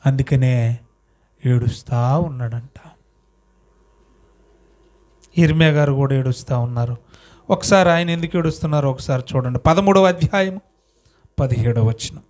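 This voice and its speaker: A male pastor telling a story in a sermon, questioning his congregation and having them answer aloud, swinging between loud and soft. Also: mid-range voice, moderate pace, pauses often.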